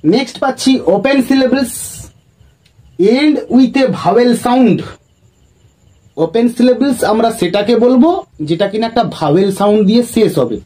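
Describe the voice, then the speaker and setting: A man teaching English grammar at a board, explaining in Bengali and reading English definitions slowly, calling viewers "friends". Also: extremely high pitch, lively intonation, warm tone, low-quality recording. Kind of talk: classroom lesson at a board.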